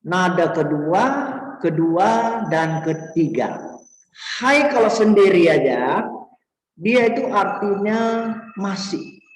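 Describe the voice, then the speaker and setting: A man teaching Mandarin vocabulary, explaining each word slowly and adding "ya" to check understanding. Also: high voice. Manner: slow, explanatory, frequent "ya" tags. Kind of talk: vocabulary lesson. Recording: echoey room, voice a bit distant.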